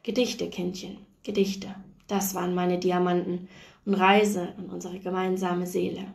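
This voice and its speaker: A woman reading as a frail old widow, slow and gentle. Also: fairly low pitch, level tone, vocal fry. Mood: tender.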